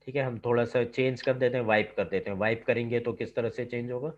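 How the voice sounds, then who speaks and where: Speaking fast in a steady, medium-pitched voice, a male instructor runs an online computer lab lecture over a video call. He goes step by step, checking in with "ठीक है" at every turn, and his computer mic gives slightly dull sound.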